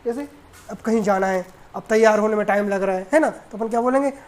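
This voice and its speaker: A woman's voice: medium pitch, fast talker, a little mellow. Woman teaching spoken English phrases. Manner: acts out everyday example phrases, asks "है ना?" often; mixes Hindi and English. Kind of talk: beginner English lesson.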